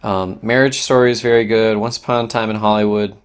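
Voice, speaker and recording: A man co-hosting a casual podcast, excitable and swearing, often trailing off mid-sentence. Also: fairly low pitch, a little fast, smooth. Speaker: podcast co-host. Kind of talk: casual chat.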